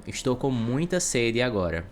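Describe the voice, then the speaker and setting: A man with a Brazilian Portuguese accent, teaching an English lesson and translating each example. He reads the English phrases slowly and with care. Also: mid-range voice, very animated, a little hiss or hum. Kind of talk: explanatory online lesson.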